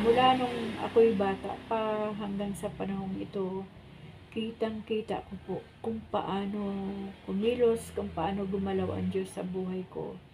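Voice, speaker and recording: A woman in her sixties giving a heartfelt faith testimony to her viewers, speaking earnestly and politely with frequent pauses and fillers. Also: mid-range voice, warm tone, a little hiss or hum, low-quality recording. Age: 60s. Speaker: vlogger sharing testimony.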